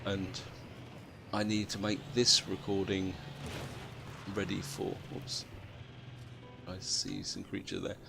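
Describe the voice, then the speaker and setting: A man's voice: low-pitched, flat delivery, takes it slowly, creaky, long pauses, over music. A British man, sounding half asleep, giving casual commentary as he hosts a video game playthrough. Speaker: video game let's-play host. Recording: noticeable background noise.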